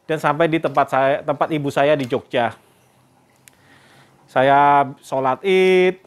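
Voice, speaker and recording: Chatty man vlogger, slightly high voice. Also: smooth. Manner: chatty, addresses viewers as "Kak"; religious greetings and expressions. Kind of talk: casual vlog storytelling.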